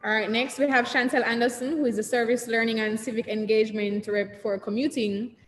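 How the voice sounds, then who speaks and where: A woman with a Jamaican accent co-hosting a student office live stream, introducing people in a brisk, matter-of-fact way. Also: fairly high pitch, steady tone. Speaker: co-host. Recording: echoey room with long reverb, faint noise.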